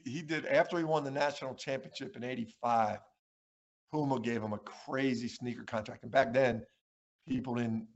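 A man's voice: mid-range voice, highs cut off. A man in his sixties, a retired basketball coach and podcast guest, telling stories in a casual conversation and acting out quotes. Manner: animated storyteller, acts out quotes.

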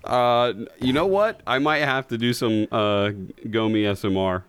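A man's voice: medium pitch, measured pace, fairly bright tone, clean tone. A man co-hosting a podcast in casual chat, laughing often and repeating words as he starts sentences. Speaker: podcast co-host.

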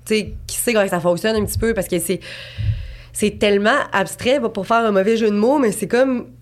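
A woman's voice: medium pitch, fairly quick, a little mellow. A woman aged twenty-eight with a Quebec French accent, talking casually and at length as a guest artist in an interview, with lots of fillers and restarts. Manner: chatty, rambling, many fillers and restarts.

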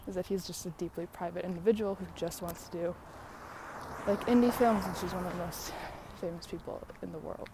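A woman's voice: fairly low pitch, steady tone, brisk. A young American woman in casual, rambling solo chat, musing and effusive as she talks outdoors on a walk. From San Diego, United States. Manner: musing and effusive, laughs easily. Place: outdoors on a walk near traffic. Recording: outdoor traffic noise, passing vehicles. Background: passing trucks and ambient noise.

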